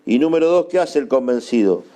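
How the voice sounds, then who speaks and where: Emphatic Argentine preacher man, mellow voice. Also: medium pitch, animated. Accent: Argentine Spanish. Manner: emphatic, repeats key phrases slowly for note-takers. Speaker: apostle preaching. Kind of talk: sermon.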